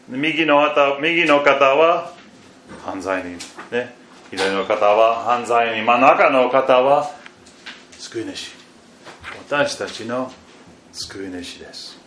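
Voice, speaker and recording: Slow, halting male preacher in an echoey room. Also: mid-range voice. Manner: slow and halting, with repeated fillers and restarts; phrases often trail off very quietly. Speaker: pastor. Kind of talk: sermon reading scripture. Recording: echoey room, faint background noise.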